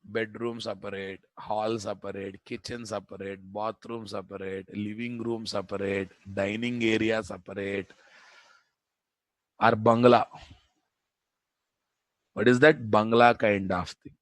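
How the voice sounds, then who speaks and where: Casting: male Indian tech teacher, Telugu accent, slow pace, dry close sound, repetitive and informal classroom delivery. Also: lowish voice, level tone, no room sound, poor audio. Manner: repeats phrases for emphasis, informal bantering. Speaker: programming instructor. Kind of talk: live classroom lecture with repeated questions to students.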